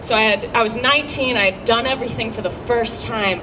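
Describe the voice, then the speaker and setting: A young woman doing live stand-up comedy on a rooftop, sassy and theatrical, prone to loud exclamations. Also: a little high, a little fast. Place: outdoor rooftop comedy show. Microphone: stage microphone. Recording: distant mic, crowd, loud open-air noise.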